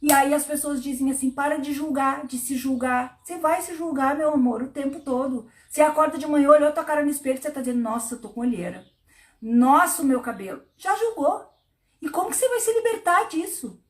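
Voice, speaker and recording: A woman therapist, hosting a casual spiritual live stream, who talks in an animated way and acts out inner voices in a low murmur. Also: fairly quick, echoey room.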